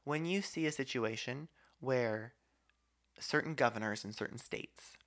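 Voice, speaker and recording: A man's voice: medium pitch, measured pace, fairly bright tone. A man hosting a casual podcast conversation, talkative and argumentative, with many asides. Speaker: podcast host.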